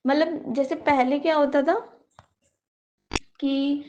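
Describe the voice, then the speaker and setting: A woman's voice: high-pitched, fairly even intonation, takes it slowly, a little mellow, dull audio, slight background noise. A woman in her thirties earnestly sharing a devotional personal testimony, often repeating phrases for emphasis.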